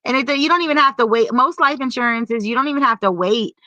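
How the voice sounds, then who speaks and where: A woman co-hosting a casual chat, giving earnest, lecturing advice with drawn-out phrases. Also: on the high side, pushed and bright, dry recording, lo-fi sound.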